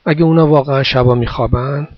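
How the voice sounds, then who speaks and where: A man's voice: mid-range voice, steady tone, dry recording, lightly acted. A man reading a story voices a small, tired boy who speaks earnestly and pleadingly. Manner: earnest, pleading childlike delivery. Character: small war-orphaned boy, worn out, watchful. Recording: dull dry recording.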